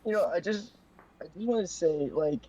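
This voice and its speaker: A man's voice: high voice, normal speed, mellow, breathy edge, low-quality recording. A young man co-hosting a casual podcast, trying to steer the talk with stumbling restarts. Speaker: podcast co-host. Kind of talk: casual chat among friends.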